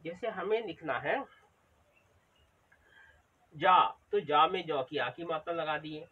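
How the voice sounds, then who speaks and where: A man teaching children, slow and patient, repeating each sound aloud as he goes. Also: a little high, expressive, slightly rough. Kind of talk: patient spoken lesson. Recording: distant, dull lo-fi sound.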